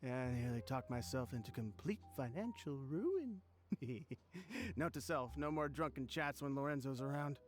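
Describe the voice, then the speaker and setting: An actor playing a tipsy, chatty man in a video game, secretive about his debts, speaking in a hushed, wary, evasive way. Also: medium pitch, lively intonation, normal speed, natural voice. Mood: tipsy, rambling. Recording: music behind the voice.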